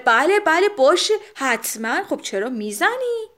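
A woman's voice: high-pitched, very animated, a bit bright. A woman doing a sly, chuckling wolf. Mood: flustered. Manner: sneaky chuckling, then flustered. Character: sly hungry male wolf.

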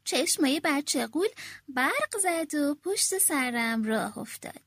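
A woman reading a children's story aloud in the first person, with an expressive, animated delivery. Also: high voice, dry recording, clean studio sound.

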